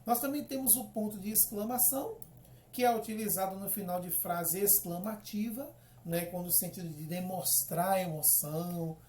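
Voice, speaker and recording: A woman's voice: mid-range voice, steady tone, normal speed, warm tone, echoey room, slight background noise. A woman teaching a lesson, explaining step by step and checking in often with the class.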